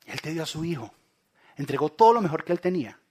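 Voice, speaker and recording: Guy preaching, husky kinda high voice, big swings loud to quiet, soft music under it. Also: animated, quick pace. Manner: dynamic preaching, swings from loud calls to hushed low lines. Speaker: pastor. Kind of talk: sermon.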